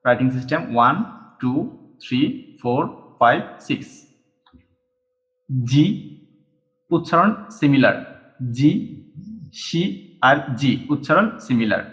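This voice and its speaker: In a dull lo-fi recording, a man with a mid-range, slightly bright voice teaches a language lesson slowly, with long pauses. He goes step by step, patiently repeating each sound and counting strokes out loud.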